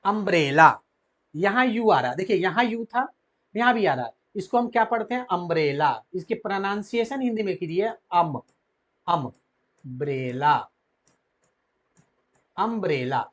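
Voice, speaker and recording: A man's voice: high voice, lively intonation, moderate pace, a bit bright. A man teaching a grammar lesson to children, asking them questions and answering them himself.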